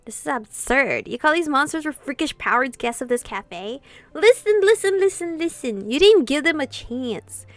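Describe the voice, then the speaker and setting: This let's-play host, a woman with a high voice, reads out visual novel lines at a moderate pace and answers them with expressive, theatrical reactions full of swearing. There is no echo on the recording.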